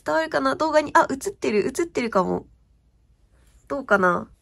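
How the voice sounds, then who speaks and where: A woman's voice: high voice, animated, normal speed, creaky. A young woman chatting casually as she shows off her stationery purchases, gushing and often asking viewers if the sparkle comes across. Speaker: stationery vlogger. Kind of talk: casual show-and-tell chat.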